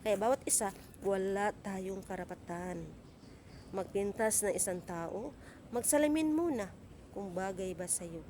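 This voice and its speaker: A woman's voice: medium pitch, steady tone, a little slow, warm tone, slight background noise. A middle-aged woman vlogging in a casual rant, indignant and scolding, with lots of rhetorical questions. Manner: talkative, asks rhetorical questions.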